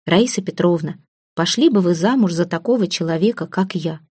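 A woman's voice: on the low side, brisk, darkish tone, slightly rough, no echo, studio quality. A woman voicing an earnest, impulsive young nobleman who speaks insistently.

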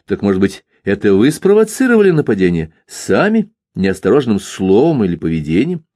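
A cynical, bigoted investigator, read by a male narrator in a dark audiobook. His questions come dry and needling, the pitch moving a lot. The voice is mellow and recorded close and dry. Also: huge pitch swings, brisk, no echo.

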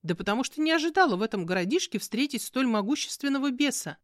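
A woman narrating a fantasy audiobook in the first person, with an expressive, animated reading. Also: sits high, quick pace, dry recording, studio quality.

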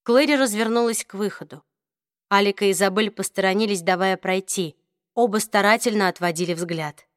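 A woman narrates an audiobook in a steady, expressive voice at a middle pitch. She is close to the mic, and the sound is dry, with no room echo. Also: normal speed. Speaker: audiobook reader. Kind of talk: scripted narration.

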